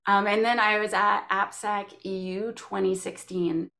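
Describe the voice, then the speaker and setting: A Canadian woman, a guest in a casual interview, telling stories with lively acted-out quotes. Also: mid-range voice, measured pace, gravelly. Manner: animated storytelling, acts out quotes.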